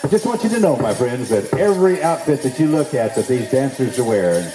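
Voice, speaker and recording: A man working as a powwow emcee, announcing the grand entry to the crowd in a folksy, showman's manner with drawn-out phrases. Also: mid-range voice, big pitch swings. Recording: echoey PA sound with music behind.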